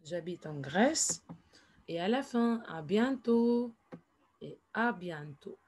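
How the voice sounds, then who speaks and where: Slow, patient teacher woman. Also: mid-range voice, expressive, a little mellow, slight background noise. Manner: patient, repeats each phrase slowly. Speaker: French teacher. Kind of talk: slow classroom explanation with English asides.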